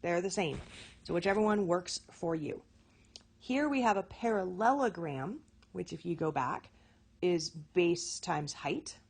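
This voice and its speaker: A woman's voice: fairly low pitch, lively intonation, measured pace, darkish tone, slightly rough. Chatty woman teaching a math lesson. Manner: chatty, self-correcting, checks in with "okay?".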